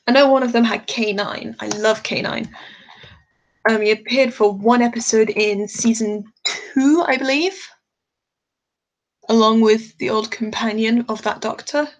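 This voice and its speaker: A woman's voice: a little high, measured pace, poor audio. Chatty, tired woman streaming while drawing. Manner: chatty, rambling, laughs often. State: a bit tired. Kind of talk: casual chat while drawing on a live stream.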